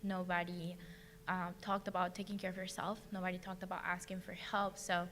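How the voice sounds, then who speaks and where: Soft-spoken woman. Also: fairly low pitch, little pitch movement, in a large hall, a little hiss or hum. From Venezuela. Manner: reflective, soft, with pauses and "um"s. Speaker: panelist sharing her story. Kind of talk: personal testimony on a panel.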